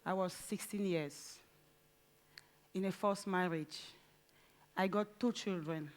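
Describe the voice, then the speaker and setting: On a conference stage, a Cameroonian woman in her forties with a low-leaning voice and Cameroonian accent speaks earnestly and deliberately, pausing mid-phrase.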